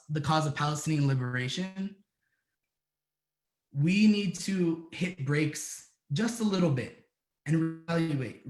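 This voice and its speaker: A man's voice: on the high side, reverberant. A man from the United States, an activist organizer speaking earnestly on a panel, with many restarts and fillers. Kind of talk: casual panel talk.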